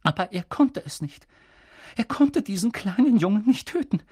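A man voicing a stern, sharp-tongued elderly female witch professor in an audiobook reading, pushing his voice up high and insistent. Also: animated, moderate pace, breathy edge. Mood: agitated. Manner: insistent, agitated, high strained voice. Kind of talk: audiobook character voice.

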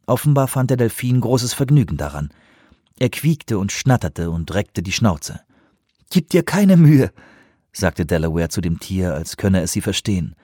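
A man narrating an audiobook in a measured, descriptive way. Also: low-pitched, darkish tone, dry recording, clean studio sound. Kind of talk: scripted narration.

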